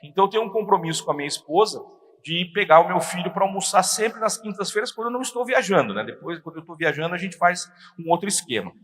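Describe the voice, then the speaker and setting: A man's voice: high-pitched, fast talker. A middle-aged Brazilian man preaching a sermon, telling stories with acted-out dialogue. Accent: Brazilian Portuguese. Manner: animated storytelling, acting out dialogue. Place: church hall. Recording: long church hall reverb.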